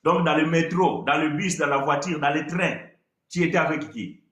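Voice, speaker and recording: A man preaching a sermon, animated, mimicking worshippers with shouts and laughter. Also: fairly high pitch, normal speed, roomy sound.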